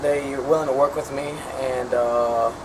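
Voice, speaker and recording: A young man in his twenties from Chicago speaks in relaxed, halting interview answers. His voice sits in the middle range. Clear background noise runs behind him. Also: medium pitch. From Chicago, USA. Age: 20s. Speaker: college student interviewee. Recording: noisy background.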